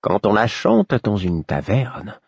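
A bitter court jester from an audiobook tale, pitched high and strained, his voice swinging between hesitation and a hysterical edge, as a male reader puts him on. His voice is husky, and the recording is dull and lo-fi. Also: huge pitch swings, slow pace, no echo, full character voice.

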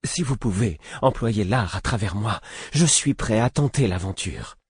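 A man voicing an insistent, eager male companion in an audiobook, speaking fast and high. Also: expressive, slightly rough, no echo, clean studio sound, heavily acted. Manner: insistent and quick.

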